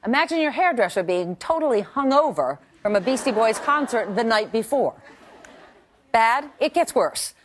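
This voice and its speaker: A woman's voice: a little high, lively intonation, normal speed, a little hiss or hum. A woman hosting a live studio talk show, setting up a story with a playful, teasing manner.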